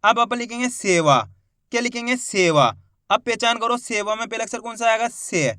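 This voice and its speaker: A man's voice: extremely high pitch, moderate pace, sharp tone, no room sound, studio quality. A man teaching Hindi reading. He sounds out each syllable, then blends them into a word, and asks questions he answers himself.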